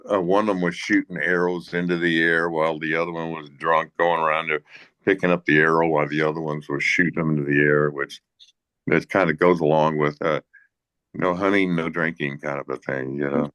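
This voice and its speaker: Guest storyteller: a low-voiced man, dry close sound, halting, full of restarts. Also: steady tone, a bit bright, clear, resonant tone, dry recording. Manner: rambling, halting delivery with frequent restarts and chuckles. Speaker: guest, hunting guide and bush pilot. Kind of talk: casual anecdotal storytelling in a Q&A.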